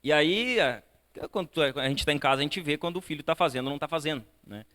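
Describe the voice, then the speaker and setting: High-voiced pastor guy telling a story in his sermon, keeps saying né and tal tal, church hall echo. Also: quick pace. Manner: animated storytelling, swinging between soft and loud; fills with repeated tags like "né" and "tal, tal". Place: church auditorium.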